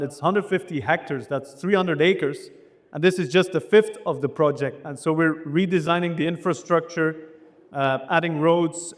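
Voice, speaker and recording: On stage in an indoor event hall, a Belgian-accented landscape architect gives an enthusiastic motivational keynote on business, rallying the live audience with questions. His voice is a little high, and the hall sound is reverberant.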